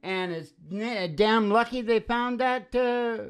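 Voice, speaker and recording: An older man with a very high, clear, resonant voice hosts a radio music show, talking slowly into a close stand microphone. His banter is wry, jokey and rambling, broken up by frequent chuckles. He sits in a small, dim indoor room with a wood-panelled wall.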